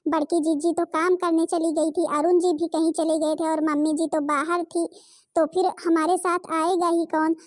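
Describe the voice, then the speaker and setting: A woman's voice: very high-pitched, level tone, normal speed, darkish tone, no room sound, clean studio sound. A woman voicing an anxious young daughter-in-law in a cartoon, pleading and flustered. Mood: worried.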